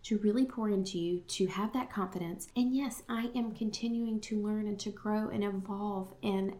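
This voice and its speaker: A woman's voice: medium pitch, fairly even intonation, moderate pace, warm tone. Nasal, congested woman podcast host. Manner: direct motivational address. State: congested from a summer cold. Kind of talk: solo podcast talk to listeners.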